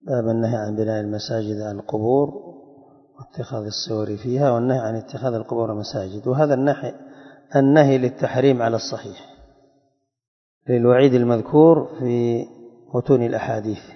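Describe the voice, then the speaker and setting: A man giving a religious lesson, reading chains of narrators and explaining them slowly, and asking his students questions. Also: mid-range voice, fairly even intonation. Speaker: hadith teacher. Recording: dull echoey hall recording.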